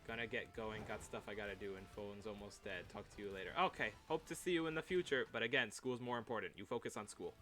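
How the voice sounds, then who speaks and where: A young man chats through a game stream in a bright, forceful voice, teasing his viewers and laughing between lines. Faint music runs softly behind him. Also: lowish voice, quick pace, hardly any pauses. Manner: playful, chatty, reads chat aloud, frequent laughs. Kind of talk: casual livestream chat.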